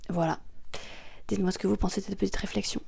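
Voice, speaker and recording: A young woman in her twenties talks casually as a vlogger. Her voice is warm-toned and relaxed, at a medium pitch. She speaks in an informal, slangy, confiding way, reflecting as she goes. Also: quick pace, vocal fry, husky. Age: 20s.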